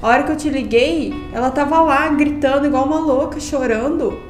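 A woman's voice: high voice, brisk, faint music behind, close to an everyday voice. An actress playing a scheming mother who taunts her daughter and fakes panic to her ex. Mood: wheedling. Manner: mocking, then fakes panic on the phone. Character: manipulative mother, adult woman, scheming. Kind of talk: melodramatic short-drama acting.

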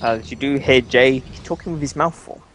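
Guy calling game plays live, keeps saying as we do see, average pitch. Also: moderate pace, a bit bright, slight background noise. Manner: play-by-play, repeats "as we do see". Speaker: esports caster.

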